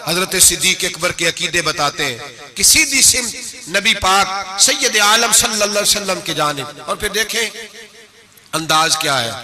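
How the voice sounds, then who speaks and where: A male preacher with a high voice delivers an emotional sermon. His tone is sharply bright and piercing. He tells the story with passion and throws its dialogue out in rising bursts. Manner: calls on the audience to answer.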